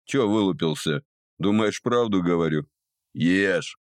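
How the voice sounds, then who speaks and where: A gruff old bearded gnome jailer, sarcastic and scolding, drawing out his words slowly, as a man puts him on. His voice sits higher than the narrator's deep tone, and the audiobook recording is dry and close. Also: lively intonation, no echo.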